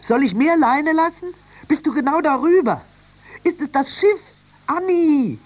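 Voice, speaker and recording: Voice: mid-range voice, very animated, measured pace, a bit bright, full character voice. A reader voicing a kindly, caring ship captain who reassures his sister in a children's radio story. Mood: urgent.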